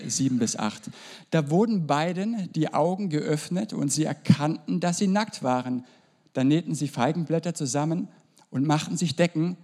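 A man's voice: on the high side, darkish tone. A man preaching a sermon, addressing his listeners with emphatic, repeated rhetorical questions.

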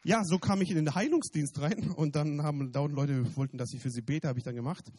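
A man preaching a sermon and giving his testimony, repeating phrases and swinging from loud emphatic bursts to quiet remarks in a church. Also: a little high, a little fast, breathy edge. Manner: repeats phrases, restarts words.

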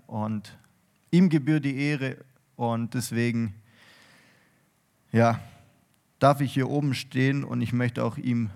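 A man's voice: mid-range voice, creaky, a little mellow. A man giving a personal testimony sermon with prayer from a church stage, earnest and heartfelt, often restarting his sentences.

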